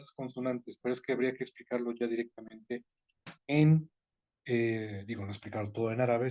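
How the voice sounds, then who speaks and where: A man teaching a seminar class, explaining step by step at an even pitch and often stopping to repeat or correct his words. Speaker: seminar lecturer on etymology.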